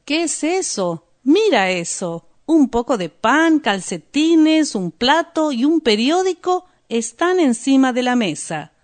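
A woman voicing a nervous, shifty male thief who poses as a mover in a read-aloud story, pleading and excitable. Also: high voice, takes it slowly, few pauses, dry recording, pitched above the performer's own voice, heavily acted.

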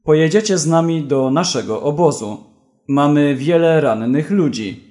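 A man's voice: fairly high pitch, moderate pace, warm tone, natural voice. A man reading the curt, commanding lines of an armed militiaman in a storybook. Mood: stern.

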